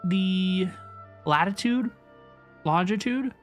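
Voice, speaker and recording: A livestreamer with a medium-pitched, expressive voice chats casually and slowly with viewers while playing a video game, rambling and reacting aloud in slang. Game music and dialogue play behind his voice.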